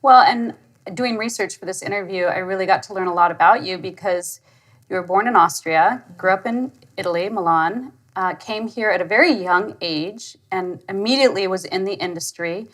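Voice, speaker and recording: Woman hosting an interview, supportive, lots of soft mm-hmms, mid pitch. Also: normal speed. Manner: supportive, frequent soft backchannels. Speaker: interview host. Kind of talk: conversational interview.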